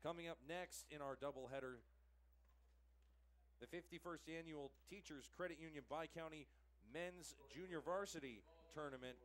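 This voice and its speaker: High-voiced young male announcer for a local high school basketball stream. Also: normal speed, fairly bright tone, a little hiss or hum. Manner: smooth scripted sign-offs, brief self-corrections. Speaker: play-by-play announcer. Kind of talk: local sports broadcast commentary. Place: school gymnasium broadcast table.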